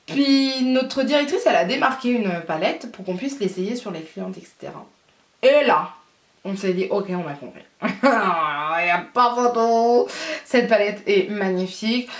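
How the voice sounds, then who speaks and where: A woman's voice: mid-range voice, animated, moderate pace. Young woman, casual beauty haul chat, rambling with laughs, echoey room, distant mic. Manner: chatty, laughing, many fillers. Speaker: beauty vlogger. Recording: roomy sound from a distance.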